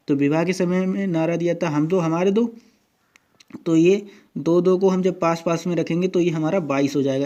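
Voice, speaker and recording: A man's voice: fairly high pitch, dark tone. A man teaching a coaching-class lesson at a board, walking through memory tricks step by step and often asking "theek hai" to check along. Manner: repeats "dosto" and "theek hai" often, spells out words slowly. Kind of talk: whiteboard tutorial lesson.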